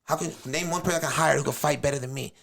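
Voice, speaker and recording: Gravelly-voiced man in his thirties, storytelling. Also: a little high, racing. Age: 30s. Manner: acts out quotes, switching between hushed soft voices and loud outbursts. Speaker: podcast guest. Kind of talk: animated storytelling.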